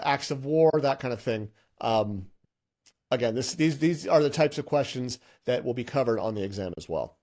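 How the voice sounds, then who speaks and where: A man's voice: medium pitch, a little mellow. A middle-aged man teaching an exam-prep lesson with slides, in a conversational way with many restarts and fillers. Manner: conversational, thinks aloud with frequent restarts and fillers. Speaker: licensing instructor.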